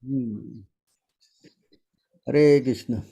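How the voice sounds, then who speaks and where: A man in his sixties, with a mellow, soft-edged, slightly breathy voice at an everyday middle pitch, acts as a spiritual teacher answering questions in an informal devotional Q&A over an online call. He keeps pausing to check whether his listeners understand him.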